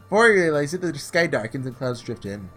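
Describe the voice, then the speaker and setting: Soft music plays behind this gaming host, whose voice sits on the high side and sounds a bit bright. He talks a little fast and very animatedly, dramatically reading a visual novel for a let's-play while dropping sarcastic, offhand remarks.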